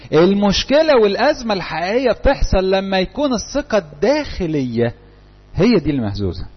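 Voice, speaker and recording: A man's voice: mid-range voice, breathy edge, muffled recording. A man with an Egyptian Arabic accent preaching an interactive church talk, firing rhetorical questions at his audience.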